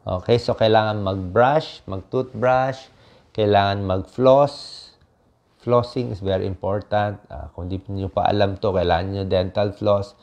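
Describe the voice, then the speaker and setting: A man's voice: lowish voice, steady tone, unhurried, gravelly, a little mellow. A man, a doctor, giving friendly health tips to viewers in a chatty lesson, checking in often with short tag questions. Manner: conversational, repeats tag questions like "di ba" and "okay". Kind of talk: casual health talk to viewers.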